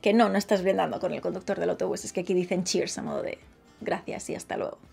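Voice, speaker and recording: A young woman, talking lively and chatty to camera in a casual vlog, recorded close up in a small bright room. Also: fairly low pitch, fast talker, vocal fry, faint music behind. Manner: lively, chatty, gestures a lot with her hands. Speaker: vlogger.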